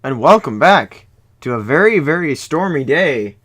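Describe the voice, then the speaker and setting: A man's voice: on the high side, very animated, measured pace, a bit bright. A young man from Ohio, casually commenting on a strategy game he is playing, rambling and correcting himself as he goes. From Ohio, USA. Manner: rambling, self-correcting, jokey. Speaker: gaming YouTuber. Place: home room.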